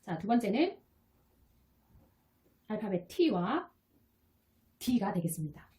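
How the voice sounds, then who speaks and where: A woman with a mid-range, very animated voice speaks slowly as she explains English phonics patiently step by step, repeating each sound. Soft, quiet guitar music plays behind the lesson.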